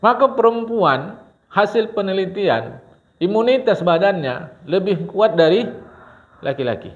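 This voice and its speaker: Animated preacher man, lively high voice. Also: a little slow. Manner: animated, lively, addresses the congregation often. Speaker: religious teacher. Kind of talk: mosque study-circle sermon. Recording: dull lo-fi recording.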